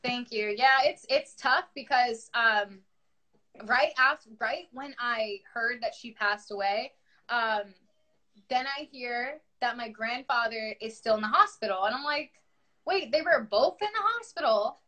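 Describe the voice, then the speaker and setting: A woman's voice: a little high, measured pace, bright, forceful tone. A young woman from New York with a New York accent, chatting candidly about her music on a livestream. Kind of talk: casual livestream chat.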